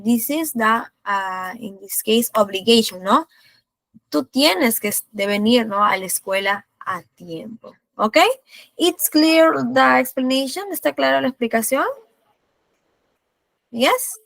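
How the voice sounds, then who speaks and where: A woman with a gravelly, slightly high voice teaches English over a video call, with a dry sound and no room around her. She goes over each example in English, then repeats it in Spanish. She asks a check-in question after nearly every phrase. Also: fairly bright tone, no echo. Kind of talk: online class explanation.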